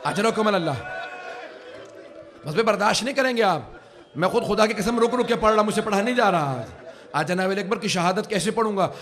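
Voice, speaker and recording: A man preaching a mourning sermon, telling a sorrowful story slowly and rising at times to anguished cries. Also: high voice, expressive, a bit bright. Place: religious centre hall.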